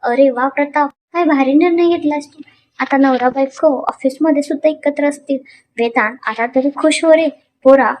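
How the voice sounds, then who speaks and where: A cheerful older aunt, read by a woman narrator in a storybook serial, teasing and laughing in a high voice. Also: moderate pace, a little mellow, slight background noise, natural voice.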